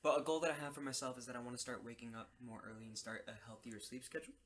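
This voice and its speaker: A young man talks fast on a casual podcast among friends, often correcting himself mid-sentence. His pitch sits in the middle range. Faint noise runs underneath his voice. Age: young adult. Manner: quick, self-correcting talker. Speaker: podcast co-host. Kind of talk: casual chat.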